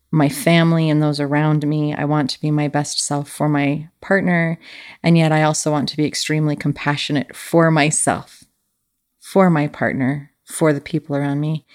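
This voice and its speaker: A woman's voice: sits low, a little mellow. A middle-aged woman telling a personal story in an earnest, thoughtful, sincere way. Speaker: speaker sharing a personal story.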